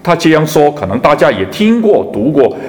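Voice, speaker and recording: A man preaching a sermon as a pastor, talking in an unhurried, halting way with fillers and restarts. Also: on the high side, big pitch swings, a little mellow. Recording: reverberant hall.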